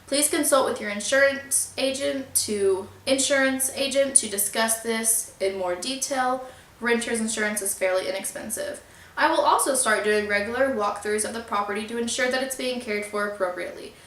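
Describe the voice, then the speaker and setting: A young woman tells a storytime vlog in a fairly high voice, earnest and trying to stay polite while upset. The room around her is echoey and bounces her voice back. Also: normal speed, a bit bright. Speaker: vlogger. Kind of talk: storytime vlog, reading out emails.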